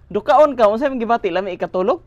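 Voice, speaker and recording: Cheeky, joking male nurse, played by a woman; fairly high, very lively pitch, dry close sound. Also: very fast, no echo, highs cut off, natural voice. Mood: teasing. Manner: teasing, playful, swings pitch widely. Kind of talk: comedy sketch acting.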